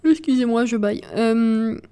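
A woman's voice: a little high, steady tone, normal speed, dark tone, clean tone. A woman hosting a let's play from home into a desk mic, giving casual, exasperated commentary and talking to the game characters.

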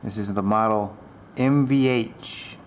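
A woman's voice: rumbling low, takes it slowly. A woman giving a casual, rambling product review with fillers, filmed on a handheld camera inside a large barn with the door open to the wind.

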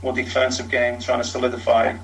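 A middle-aged former footballer with a Liverpool accent tells his story frankly in a long interview answer. His medium-pitched voice is gravelly, fairly bright, fairly quick and completely flat, and the recording is rough. He talks in long runs padded with fillers.

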